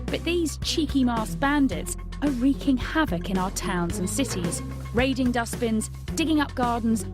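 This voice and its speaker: A woman narrating a nature documentary in a scripted presenter's style. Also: on the high side. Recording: voice-over with music behind. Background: music.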